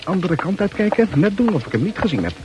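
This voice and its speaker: In a 1960s radio play, an actor voices a nervous bachelor fretting and muttering anxious thoughts while walking through town. His high voice swings widely in pitch and moves fast, with background noise behind it.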